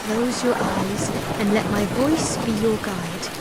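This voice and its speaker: A woman playing a tender, doting partner in a soft ASMR role-play, speaking in a soothing, intimate, hypnotic manner. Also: mid-range voice, takes it slowly, heavy background noise. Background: rain.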